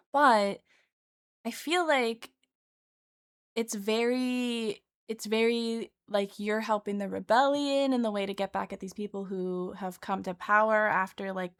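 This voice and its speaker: Higher-voiced woman, casual streamer chat. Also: smooth. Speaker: streamer reacting to a video.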